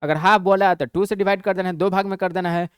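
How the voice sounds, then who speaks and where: A man teaching a math lesson, stretching out English math terms slowly and checking in often with a quick "okay?". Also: high voice, fairly even intonation, clear, resonant tone, dry recording, clean studio sound.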